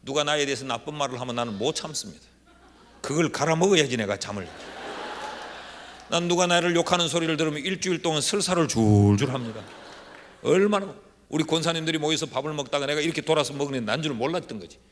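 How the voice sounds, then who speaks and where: A middle-aged man, a pastor, preaching a revival sermon with folksy storytelling that swings from hushed asides to shouted exhortation, in a large church sanctuary. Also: on the high side, expressive, fast. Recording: reverberant church hall with faint room noise.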